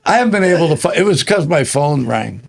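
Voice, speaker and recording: A man's voice: a little high, sing-song, fast, vocal fry. A man hosting a show in a studio, joking in casual chat, stumbling over his words and giggling. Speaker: host.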